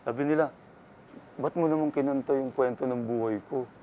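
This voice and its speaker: A man's voice: mid-range voice, steady tone, a little fast, narrow, tinny audio, crowd noise. An older man from the Philippines, a guest in an interview, telling his story casually and acting out the voices of the people in it.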